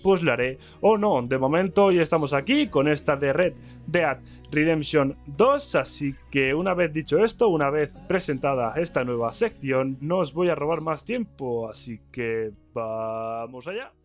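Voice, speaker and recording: A man with a Spain Spanish accent giving excitable let's-play commentary, reacting loudly and laughing at the game. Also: on the high side, measured pace, hardly any pauses, faint music behind. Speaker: gaming YouTuber.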